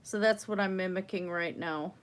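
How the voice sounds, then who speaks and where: A woman's voice: lowish voice, steady tone, normal speed. A woman with a slightly wheezy breath, chatting casually as she hosts an art livestream. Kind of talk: casual chat while painting.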